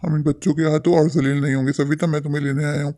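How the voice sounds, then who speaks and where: A man's voice: fairly high pitch, little pitch movement, racing, mellow, lightly acted. A man voicing an elderly, half-blind father in a cartoon, who keeps calling out plaintively for his son. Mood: tender, resolute. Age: older. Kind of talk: animated cartoon voice acting.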